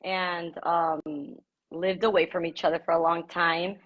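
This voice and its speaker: A woman's voice: lowish voice, flat delivery, a little slow, muffled recording. Chatty woman in her forties. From Miami, United States. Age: 40s. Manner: emotional, chatty, laughs often. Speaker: guest. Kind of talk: casual chat. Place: living in Ecuador.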